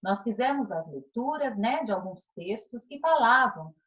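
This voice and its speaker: A woman's voice: a little high, animated, dull audio. A woman teacher with a Brazilian Portuguese accent, giving a recorded remote class to primary pupils in an encouraging way, drawing out syllables and checking in often. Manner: encouraging, drawn-out syllables, frequent "tá?" check-ins.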